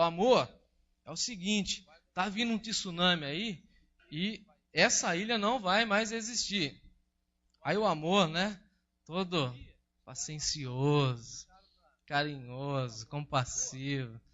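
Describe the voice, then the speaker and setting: Brazilian pastor guy telling a fable in church, kinda high voice, dull lo-fi recording. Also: pushed and bright. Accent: Brazilian Portuguese. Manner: storytelling, acts out the characters' lines. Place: church service.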